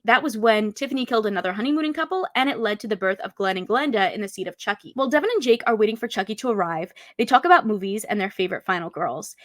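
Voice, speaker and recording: A woman's voice: a little high, a bit bright, no echo, clean studio sound. A woman presenting a scripted pop-culture video as a narrator.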